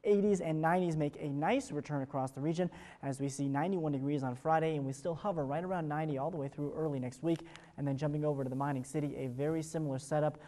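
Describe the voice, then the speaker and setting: Brisk and chatty, an American man presents a television weather forecast in a fairly high, softly mellow voice. His upbeat delivery feels like an ad-libbed morning show segment.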